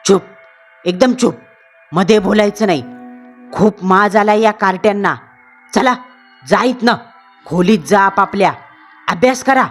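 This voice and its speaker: A woman voicing a possessed, raging middle-aged husband who shouts harsh scolding, with faint music behind. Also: a little high, animated, measured pace. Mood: furious.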